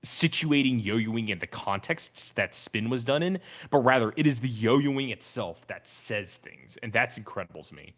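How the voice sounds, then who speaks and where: Earnest and enthusiastic, this podcast host analyzes things at length during a casual review discussion. His voice sits on the low side but has a fairly bright tone.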